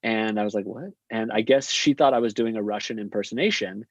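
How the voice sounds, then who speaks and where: A man's voice: lowish voice, brisk, dry recording, dull audio. A man guesting on a podcast, telling long anecdotes in a loose, rambling way with lots of fillers. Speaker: podcast guest, agency founder. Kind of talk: casual interview storytelling.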